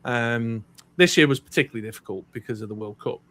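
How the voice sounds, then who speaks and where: In casual podcast chat, the middle-aged co-host from North Wales rambles with ums and restarts in his British accent. His mid-range voice moves at a quick pace and has a fairly bright tone.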